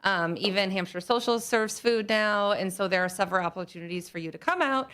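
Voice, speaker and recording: American woman with a mid-pitched conversational voice. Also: fairly quick, fairly bright tone, smooth. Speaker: radio guest, school fundraiser organizer. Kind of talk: conversational interview.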